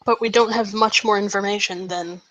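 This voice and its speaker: A woman's voice: medium pitch, fairly even intonation, normal speed, pushed and bright, lightly acted, low-quality recording. A woman voicing a polite young male king consort who speaks hesitantly. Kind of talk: voice role-play.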